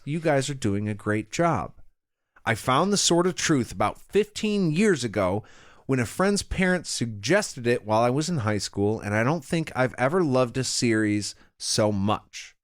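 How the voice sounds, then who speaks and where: A young podcast co-host chats casually in a mid-range, unhurried voice, laughing often and telling stories with animation as he reads out a listener email. The studio-quality audio has no echo.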